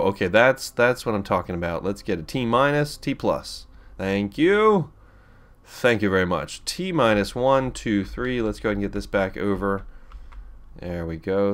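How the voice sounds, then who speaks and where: A man's voice: fairly low pitch, clear, resonant tone. A man hosting a let's play who gives casual, rambling commentary as he flies, with frequent restarts and chuckles.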